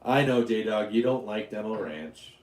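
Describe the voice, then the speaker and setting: A man's voice: fairly low pitch, lively intonation, unhurried, reverberant, slight background noise. A man from Utah hosting a casual live stream, rambling, joking and answering questions from his chat. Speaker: YouTube livestream host.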